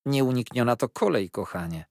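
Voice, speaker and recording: A man's voice: on the low side, wildly swooping pitch, unhurried, gravelly, slightly rough, no room sound, studio quality, pitched above the performer's own voice, full character voice. Man doing a cheerful, soothing old aunt. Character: older aunt, brisk, cheerful, fondly reassuring.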